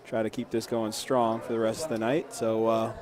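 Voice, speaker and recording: A man doing live poker stream commentary in a low-key, hesitant way, with short, clipped play-by-play phrases. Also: monotone, normal speed, crowd noise.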